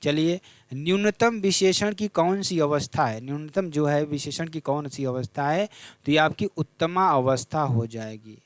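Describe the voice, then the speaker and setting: A man's voice: a little high, a little slow, no room sound. A young man teaching a Hindi exam revision lesson, repeating each question and checking in with his students.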